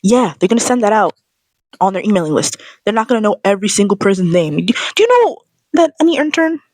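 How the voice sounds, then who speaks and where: Woman vlogger, animated slangy rant, average pitch, dry sound. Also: fast, dry recording. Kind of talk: casual ranting monologue.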